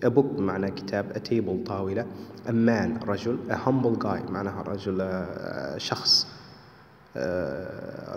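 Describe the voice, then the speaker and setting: A man with a Hassaniya Arabic accent gives an online English lesson in a fairly low voice. He explains patiently with many hesitations and reads his English examples out carefully. The sound is roomy, with a long echo trailing behind his words. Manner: explains slowly with many fillers, reading English examples deliberately. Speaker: English teacher. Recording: echoey room with long reverb.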